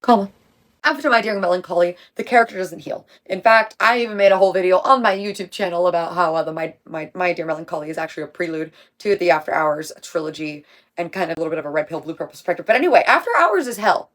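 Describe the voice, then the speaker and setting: A woman's voice: fairly low pitch, quick pace, fairly bright tone. Chatty young woman with slang. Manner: chatty and emphatic, with slang and swearing. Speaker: music commentary creator. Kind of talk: casual video essay commentary.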